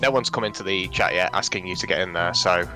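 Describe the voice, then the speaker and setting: Calm, fairly low organizer voice on group voice chat, game music behind. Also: male voice, quick pace. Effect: heard over group voice chat.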